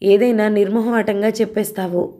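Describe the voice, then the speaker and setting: A woman's voice: mid-range voice, steady tone, brisk, warm tone, voice pushed up, natural voice. A woman voicing a flirtatious, self-pitying middle-aged married man who sighs about his life.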